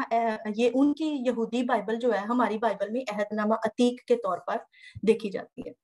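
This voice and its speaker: Methodical woman teaching with a higher voice. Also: darkish tone. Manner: methodical, repeats key terms. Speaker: Bible teacher. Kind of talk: slide-based lecture.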